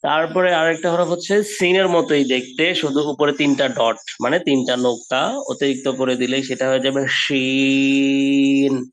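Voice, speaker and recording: A man's voice: medium pitch, steady tone, measured pace, low-quality recording. A man teaching an online Quran lesson for children, stretching out model pronunciations of Arabic letters.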